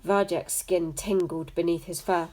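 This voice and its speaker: A woman reading a children's novel aloud, voicing the characters with shifts in pitch. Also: steady tone, unhurried, darkish tone. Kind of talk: storybook read-aloud.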